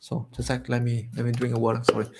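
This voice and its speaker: Talking rapid-fire in a monotone, a Vietnamese-native man hosts a casual live coding walkthrough, thinking out loud and muttering with lots of fillers. His voice is getting low and tired, and there's heavy noise in the background.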